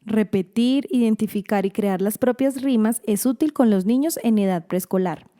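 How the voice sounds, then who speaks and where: A woman giving a scripted instructional narration for parents and teachers, slowly stretching out the example words. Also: on the high side, dark tone.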